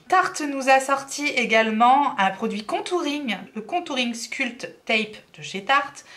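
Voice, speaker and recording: A woman's voice: medium pitch, fairly bright tone. A woman chatting casually as a beauty vlogger, with frequent fillers and reflective asides. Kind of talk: casual product review chat.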